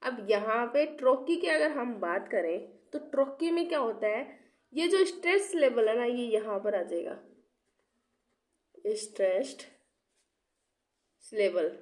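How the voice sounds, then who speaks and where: A young woman with a slightly high voice teaches an exam-prep lesson while unwell, coughing now and then. She poses rhetorical questions, repeats each key term and keeps checking in with her students. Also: big pitch swings, unhurried, pauses often. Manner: checks in often with "theek hai". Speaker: English literature teacher.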